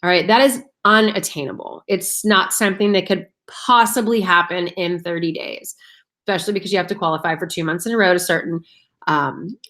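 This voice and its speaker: A woman's voice: fairly low pitch, steady tone, a little fast, fairly bright tone. A woman in her thirties, chatty and upbeat, coaching her sales team on goal setting and calling her listeners guys. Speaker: direct sales team leader. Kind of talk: casual coaching talk.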